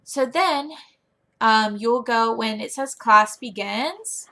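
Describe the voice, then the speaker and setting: Chatty young woman walking thru a teaching demo, kinda raspy-fry voice, slightly high. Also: slow, bright, forceful tone. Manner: chatty, demonstrates teacher lines in a high, exaggerated sing-song. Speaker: online English teacher giving a tutorial. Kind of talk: casual screen-recorded tutorial.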